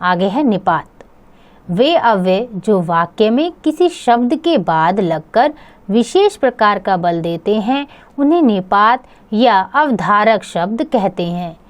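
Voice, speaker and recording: A woman narrating a grammar lesson for children, reading each term slowly and carefully. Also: mid-range voice, sing-song. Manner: slow, measured, reads word lists one by one. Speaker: teacher.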